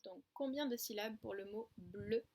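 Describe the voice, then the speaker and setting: A woman kindergarten teacher giving a home video lesson to young children, with slow, patient instructions, counting aloud and repeating words. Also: fairly high pitch, a little mellow, a little hiss or hum.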